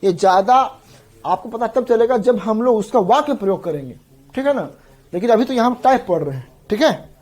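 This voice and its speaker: A man's voice: high-pitched, lively intonation, fairly quick, darkish tone. A male teacher giving an exam-prep grammar lecture, repeating each term several times and often checking in with the students. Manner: repeats terms drill-style, often checks in with the class.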